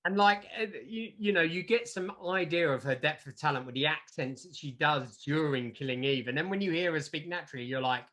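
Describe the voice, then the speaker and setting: A man's voice: a little high, fairly quick, few pauses, bright, forceful tone. A man co-hosting a podcast, chatting casually and enthusiastically, often trailing off with fillers. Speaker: podcast co-host. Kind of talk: casual chat.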